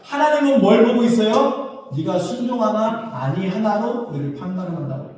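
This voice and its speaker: A man preaching a sermon as pastor, acting out biblical dialogue in a casual, lively way. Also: sits high. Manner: leads congregation in slow unison scripture reading. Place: church sanctuary. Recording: echoey church hall, mic at a distance.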